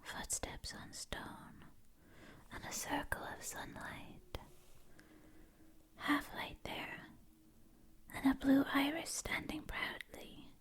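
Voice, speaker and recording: A woman whispers gently right into the listener's ear in an ASMR poetry reading, close on the mic, slowly and with long pauses. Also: high voice, little pitch movement. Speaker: ASMR content creator.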